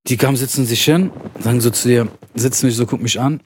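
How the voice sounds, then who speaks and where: A young man telling a story in casual chat, animated, acting out the lines of the people he quotes. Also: medium pitch, fast talker, slight background noise. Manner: animated, acts out interrogators' lines, says Bruder. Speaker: podcast guest telling his story.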